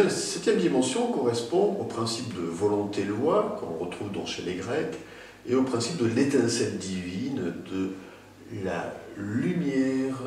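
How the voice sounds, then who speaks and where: A man giving a spoken talk on spirituality, addressing the listener directly with emphatic rises and pauses. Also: on the low side, a little mellow, slight background noise. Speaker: spiritual teacher. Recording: very echoey room, mic at a distance.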